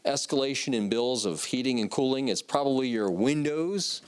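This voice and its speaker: Man hosting an infomercial, mid-pitched voice. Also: moderate pace, smooth. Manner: conversational, leading questions. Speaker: infomercial host. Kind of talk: infomercial interview and presenting.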